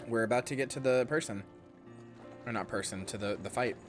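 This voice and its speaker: A man giving casual live stream commentary on a game, chatty and expressive as he talks to viewers. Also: mid-range voice, fairly quick, faint music behind.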